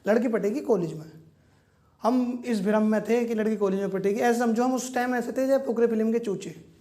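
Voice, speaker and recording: A man's voice: very high-pitched, fairly quick, mellow. A young man telling stand-up stories, acting out dialogue with crude, slangy punchlines. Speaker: stand-up comedian. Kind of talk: stand-up storytelling.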